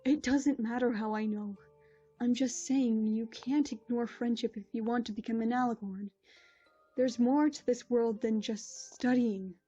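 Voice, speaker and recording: A woman plays a kind, motherly pony princess with a mellow, soft-edged voice that sits a little high. She speaks calmly and patiently. The recording sounds slightly dull and lo-fi, with faint music underneath. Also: measured pace, slightly rough.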